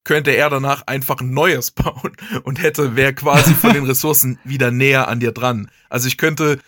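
A man's voice: mid-range voice, fairly even intonation, normal speed, a bit bright, no echo, studio quality. A man, casually explaining video game strategy, thinking aloud with restarts and chuckles. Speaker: guest strategy player.

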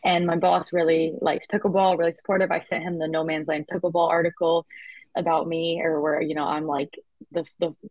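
A woman in her twenties chats as an interview guest, her voice sitting a little low. She talks freely, restarting sentences and adding fillers as she goes. The sound is close and dry, with no room around it. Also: level tone, fairly quick, no room sound, phone-quality sound. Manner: chatty, with frequent restarts and fillers. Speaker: guest athlete. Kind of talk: casual interview chat.

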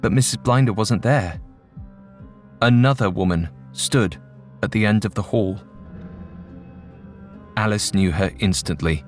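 A man narrating a ghost story in a measured, suspenseful storytelling manner. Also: lowish voice. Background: faint music.

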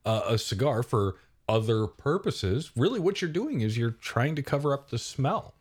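A man co-hosting a comedy podcast, talking in a mock-serious deadpan way with drawn-out phrases and many fillers. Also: mid-range voice, husky. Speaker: podcast co-host.

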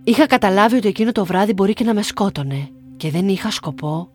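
A young woman from Greece reading her own story aloud in a calm, measured way. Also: mid-range voice. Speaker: narrator. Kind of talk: scripted first-person narration. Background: faint music.

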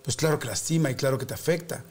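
A man's voice: medium pitch, quick pace, breathy edge. A man interviewing a guest, asking questions and reflecting with empathy. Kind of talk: conversational interview.

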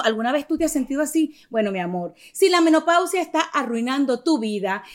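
High-voiced, playful woman host. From Venezuela. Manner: playful, teasing, laughs often. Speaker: podcast host. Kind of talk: casual chat.

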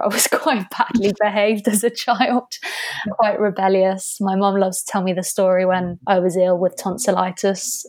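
A woman's voice: mid-range voice, darkish tone, no echo. Reflective woman guest with dry sound. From Spain. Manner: open, reflective, often breaking into light laughter. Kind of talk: reflective casual storytelling.

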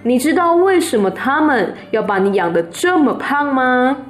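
A woman's voice: high-pitched, very animated, normal speed. A woman voicing a weary old male goat who sighs and speaks bluntly, over faint music. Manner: sighing, matter-of-fact.

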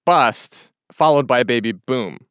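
A man's voice: mid-range voice, animated, measured pace, smooth, no echo, clean studio sound. An American man speaking as a playful, conversational podcast co-host. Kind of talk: conversational radio hosting.

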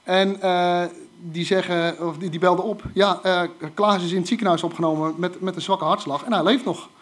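A man telling a personal story in a casual, animated way, with lots of fillers and restarts. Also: high-pitched, normal speed. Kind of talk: casual spoken anecdote.

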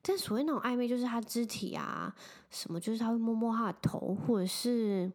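A woman's voice: on the high side, brisk. Chatty young woman telling stories. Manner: chatty, heavy use of filler phrases, animated when retelling. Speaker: podcast host. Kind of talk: casual storytelling chat.

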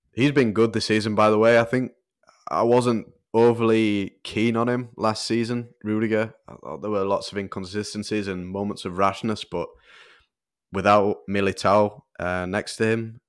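A man co-hosting a football podcast, explaining tactics in a measured, analytical way with soft fillers. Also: lowish voice, smooth. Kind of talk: casual tactical football discussion.

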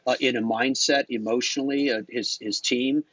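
A man's voice: medium pitch, steady tone, moderate pace, a bit bright, no room sound, dull audio. A man reflecting thoughtfully on golf as a podcast guest. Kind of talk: podcast discussion.

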